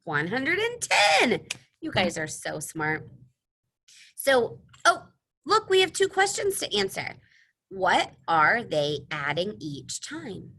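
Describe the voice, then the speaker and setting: Animated kindergarten teacher woman, bright voice. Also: medium pitch, slow pace, breathy edge. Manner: kindergarten-teacher voice: exaggerated, sing-song encouragement to young children; poses questions and answers them herself. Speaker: elementary school teacher. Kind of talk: children's math lesson to camera.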